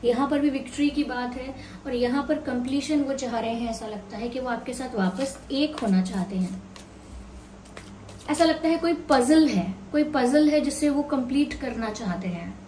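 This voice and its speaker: A woman giving a tarot reading to viewers, mixing Hindi and at an unhurried pace, her throat slightly sore. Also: sits high, mellow. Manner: unhurried, mixing Hindi and English, thinking aloud. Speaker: tarot reader. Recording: roomy sound, mic at a distance, faint hiss.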